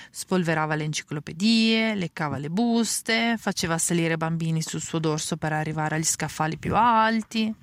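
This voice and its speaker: A woman with a fairly low voice reading a children's picture book aloud. She takes a slow, clear storytelling pace and leans into the voices of the characters. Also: no echo.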